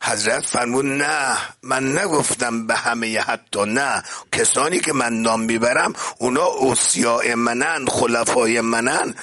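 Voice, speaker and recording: A man preaching an impassioned religious sermon. He recites Arabic passages, paraphrases each one, and often swells into loud declamation. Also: medium pitch, hardly any pauses.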